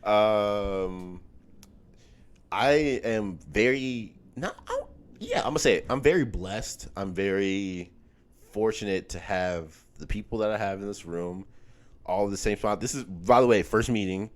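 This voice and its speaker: A man's voice: fairly low pitch, measured pace. A man hosting a podcast, telling a story in a loose, profane way and laughing often. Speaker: podcast host.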